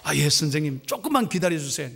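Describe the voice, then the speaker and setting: A man's voice: a little high, very animated, fast talker, gravelly, fairly bright tone, husky, heavily acted. A man voicing a young male student waiter who stays polite but talks back. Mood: polite weary. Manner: polite, then a bold retort.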